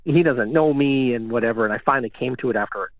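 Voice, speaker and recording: A man's voice: medium pitch, quick pace, no room sound. Man telling stories by phone. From Canada. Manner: rambling, many fillers. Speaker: guest, recording engineer. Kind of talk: casual storytelling. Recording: tinny phone line, dry.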